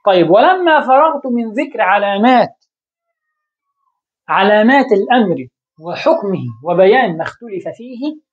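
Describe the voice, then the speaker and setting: A woman's voice: on the high side, expressive, moderate pace. A woman teaching a grammar lesson, explaining step by step and posing questions to her students. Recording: dull lo-fi recording.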